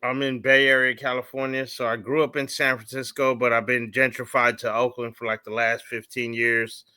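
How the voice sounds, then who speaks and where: A man's voice: mid-range voice, little pitch movement, moderate pace, bright, forceful tone, clean tone, no room sound. A man from Hawaii who is a comedian and educator, chatting in an easygoing, slangy way. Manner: easygoing, laughs often, slangy. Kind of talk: casual chat.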